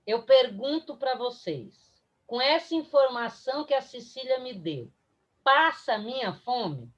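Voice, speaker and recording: A woman's voice: sits high, expressive, measured pace, lo-fi sound. A woman with a Brazilian accent giving a spiritist lecture online, incisive and direct with her listeners. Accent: Brazilian Portuguese. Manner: emphatic, direct, addresses audience.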